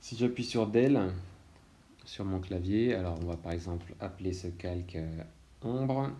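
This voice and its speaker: A man who works as an illustrator narrates a screen-recorded software tutorial in a relaxed manner, thinking aloud and hesitating often. His voice is low-pitched and measured, with slight background noise.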